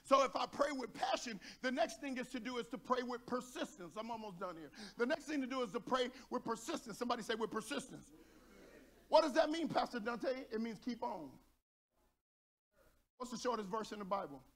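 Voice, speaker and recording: A male pastor from Texas preaching a sermon, building to shouts at the high points and joking with the congregation. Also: animated, brisk. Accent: Texan. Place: church sanctuary.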